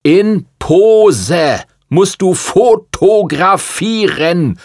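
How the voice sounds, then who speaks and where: A man's voice: very animated, a little slow, slightly rough, no room sound, studio quality, full character voice. A man voicing an older male prince who is impatient and pompous, lecturing in a stern tone. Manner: stern, lecturing, booming laugh.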